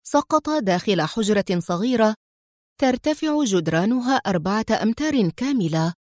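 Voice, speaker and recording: A woman reading a thriller story aloud as narrator in an even, dramatic manner. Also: mid-range voice, moderate pace, no echo, clean studio sound.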